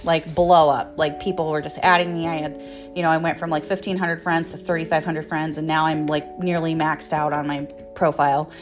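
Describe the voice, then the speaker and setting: A woman in her thirties speaks in a low, flat voice, a little fast, as she hosts a casual monologue of personal stories told candidly, rambling and swearing freely. She is a host, author and motivational speaker, and music plays behind her.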